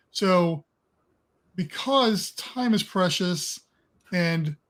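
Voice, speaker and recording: A man co-hosting a live stream, chatting casually with informal, folksy phrasing. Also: high-pitched.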